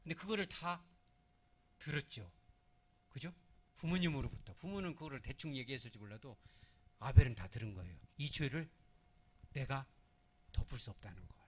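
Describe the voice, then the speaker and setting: A man preaching a sermon as pastor, talking with his congregation, asking questions and answering them himself, moving between loud stressed words and hushed phrases. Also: medium pitch, lively intonation, normal speed, long pauses. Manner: acts out little scenes in other voices; swings from loud emphasis to soft, hushed phrasing.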